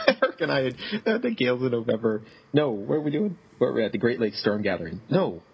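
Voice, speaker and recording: A man from Canada talks in an easygoing, wry way as a podcast guest. His low voice is very raspy yet moves lively up and down. The sound is dull and lo-fi. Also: fairly quick. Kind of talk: casual podcast chat.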